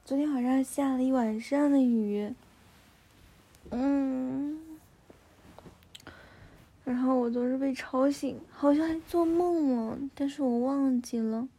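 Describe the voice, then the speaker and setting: Speaking slowly with frequent pauses, a woman with a high, dark-toned voice and a steady delivery recounts family stories in a relaxed conversation. She chats freely and regularly asks "you know?" to see if the listener follows.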